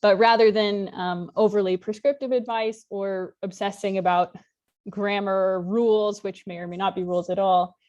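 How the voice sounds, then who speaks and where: A woman's voice: mid-range voice, steady tone, normal speed, a little mellow, highs cut off. Woman giving an informal online lecture. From Alaska, United States. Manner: friendly, conversational, with occasional fillers. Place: home room with virtual background. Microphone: laptop webcam mic on a video call.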